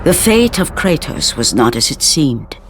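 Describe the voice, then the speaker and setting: A man narrates an epic tale in a grave, dramatic voice that sits a little higher than most. Orchestral music plays steadily beneath him. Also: very animated, a little slow. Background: orchestral score.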